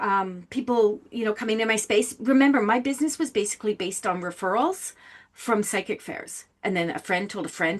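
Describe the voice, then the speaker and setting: A middle-aged woman from Canada, a guest medium on a podcast interview, telling stories animatedly and acting out other people's voices. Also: on the high side. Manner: animated storyteller, acts out quoted voices.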